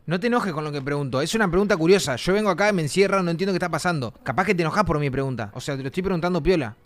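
A young Argentine man streaming a horror game alone in a dark apartment, nervous and rambling, swearing and yelping when scared. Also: on the high side, expressive, rapid-fire. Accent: Argentine Spanish. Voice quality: jumpy, screams and yelps when startled. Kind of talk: live gameplay commentary.

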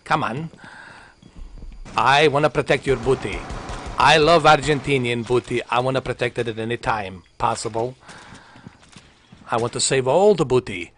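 Through a large foam headset mic, a thirties-aged streamer gives casual gameplay commentary from home, cracking jokes, cursing and ribbing his chat. He talks at normal speed with frequent pauses in a mid-range, slightly bright voice, and there's a little hiss or hum.

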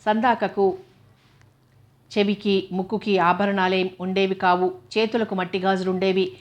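A woman reads a story aloud as an audiobook narrator. She keeps a medium pitch and a flat, even delivery. Her storytelling stays steady throughout. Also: measured pace, lo-fi sound.

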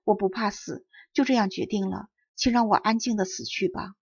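A woman's voice: mid-range voice, steady tone, brisk, vocal fry, a little mellow, husky, dry recording. A woman voicing a dying mother who pleads tearfully for her young son, weak and near death. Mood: resigned. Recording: dull lo-fi audiobook recording.

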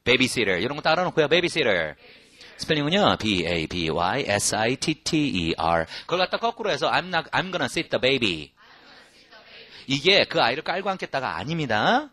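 Korean-speaking male English teacher, animated and jokey, spells out words slowly, bright voice, dry close sound. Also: mid-range voice. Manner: lively, joking, repeats phrases slowly and spells them out letter by letter. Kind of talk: casual spoken English lesson.

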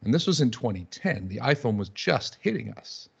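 A man gives witty, conversational remarks on a video call at an ordinary pitch for a man. The audio comes through somewhat dull and muffled, like a low-fidelity call. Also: very animated, moderate pace, vocal fry, husky. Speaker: panelist. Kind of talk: conference talk on a video call.

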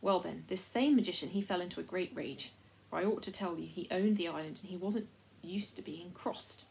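A woman with a lowish, vocal-fried voice, talking a little fast, plays a self-important invisible male chief of servants in a storybook. The character rambles and confides in a folksy, repetitive, long-winded way. The rough recording carries slight background noise.

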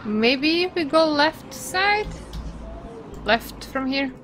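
A woman's voice: sits high, animated, very slow, a bit bright, faint music behind. A woman co-playing a survival game, chatting casually, giggling and steering the way. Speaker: co-player. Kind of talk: casual gaming chat. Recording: noisy background.

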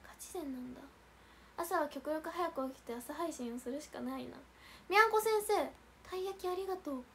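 A woman's voice: high voice, brisk, a bit bright, a little hiss or hum. A young woman hosting a casual idol livestream, chatting and reading out viewer comments with frequent giggles.

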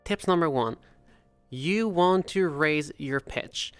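A chatty tutor with a Quebec French accent walks through vocal tips and demonstrates sounds mid-sentence. The voice is smooth and resonant, in a dry, close recording with soft music underneath. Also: medium pitch, slow pace, no room sound. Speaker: voice coach. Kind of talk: casual tutorial.

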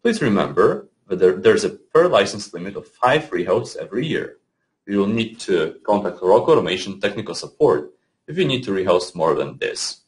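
Low, lively man explaining software steps. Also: normal speed. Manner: clear step-by-step instruction with small slips. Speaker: software support instructor. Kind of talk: scripted tutorial voice-over.

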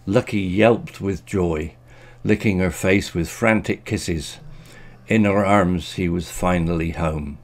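A man narrating a children's story in a gentle, expressive storytelling manner. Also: deep voice, slow.

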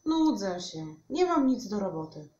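A woman's voice: mid-range voice, big pitch swings, normal speed, darkish tone. A woman voicing a bored, whiny young male squirrel in a storybook reading. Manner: whiny, sighing. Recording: echoey room, dull lo-fi sound.

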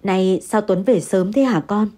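A woman's voice: medium pitch, normal speed, natural voice. A woman voicing a caring older mother who soothes her daughter in an audio story. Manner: gentle, soothing.

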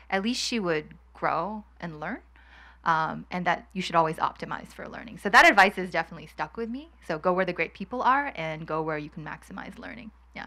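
A woman from Hong Kong, in her thirties, speaks candidly and laughs easily as a guest on stage. Her voice sits a little low yet sounds bright and forward. She holds a handheld mic at an outdoor courtyard event. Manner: candid, quick laughs, chatty. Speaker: guest investor. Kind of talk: fireside chat on stage.

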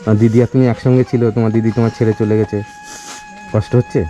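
Fast-talking man, dark voice. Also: medium pitch, little pitch movement, faint music behind. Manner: fast, coaxing, repeats questions. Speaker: charity vlogger host. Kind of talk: casual on-location interviewing. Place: outdoors in a rural village.

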